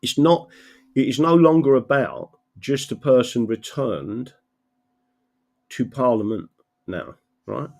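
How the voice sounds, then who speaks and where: A man's voice: mid-range voice, takes it slowly, gravelly, long pauses, a little mellow. An emphatic man hosting a rambling livestream. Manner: emphatic, often checks with "right?". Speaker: livestream host. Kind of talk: rambling livestream monologue to viewers.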